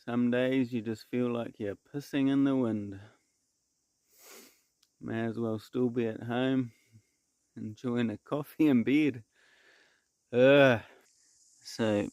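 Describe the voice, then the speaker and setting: A man with a New Zealand accent and a gravelly voice, yarning casually and dryly like a laconic backcountry bushman as he talks through his trapping. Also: mid-range voice, darkish tone, no room sound. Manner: laconic, dry-humoured outback bushman. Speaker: predator trapper and vlogger. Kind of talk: casual bush yarn to camera. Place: outdoors in the bush.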